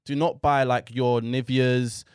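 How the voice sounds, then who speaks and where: A man's voice: medium pitch, flat delivery, a little slow, a little mellow, clear, resonant tone, no room sound. A man hosts a casual conversation in a London accent. His delivery is slangy and urban, in a roadman style. The sound is dry, with a mid-range voice. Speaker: host interviewer. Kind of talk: casual chat with street slang.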